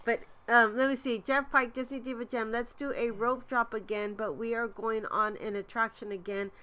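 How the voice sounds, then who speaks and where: A woman co-hosting a casual live stream, chatty and excitable, while sick with a cold. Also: on the high side, moderate pace. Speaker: live stream host and vlogger. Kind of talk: casual livestream chat.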